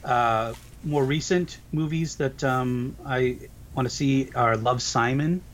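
A man's voice: mid-range voice, fairly even intonation, slow pace, a bit bright, slight background noise, low-quality recording. Hesitant male podcast co-host. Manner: hesitant, full of ums and uhs. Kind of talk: casual podcast chat.

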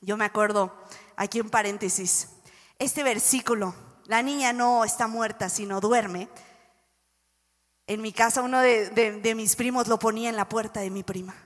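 Woman preacher, high voice, animated and joking, reverberant hall. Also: moderate pace. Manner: animated, playful, acts out Bible scenes and jokes with the audience. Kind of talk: sermon.

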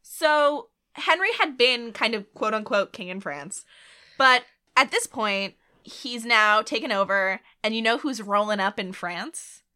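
A woman co-hosting a podcast, casually telling history with frequent laughs and quick voiced asides. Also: a little high, animated, bright, forceful tone, smooth. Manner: chatty, laughs often, voices quoted figures in asides. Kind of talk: casual chat.

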